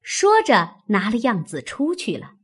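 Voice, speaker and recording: A woman narrating a classic novel in a slow, measured storytelling manner. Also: fairly high pitch, huge pitch swings, husky.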